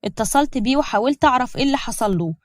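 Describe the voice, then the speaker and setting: Quick high-voiced Egyptian woman storyteller. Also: expressive, no room sound. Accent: Egyptian Arabic. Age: young adult. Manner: dramatic first-person storytelling. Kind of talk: scripted storybook narration.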